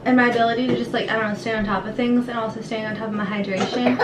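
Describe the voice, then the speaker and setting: A young adult woman, a vlogger and mother of a young child, chats casually and informally to camera at home, rambling along. Her voice is on the high side with fairly even intonation and a very fast pace. The audio is dull, with an echoey room and a clearly noisy background.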